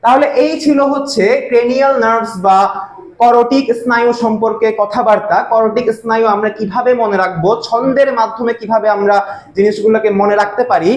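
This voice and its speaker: A man tutoring for admission exams in a casual lesson, with a Bangladeshi Bengali accent, who repeats key terms and keeps asking quick check questions. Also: high-pitched, fairly even intonation, reverberant.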